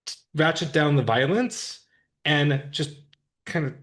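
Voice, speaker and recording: A man's voice: a little high, animated, a little slow, fairly bright tone. A man co-hosting a podcast, explaining politics in a casual, thoughtful, plain-spoken way. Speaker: podcast co-host. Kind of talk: casual discussion.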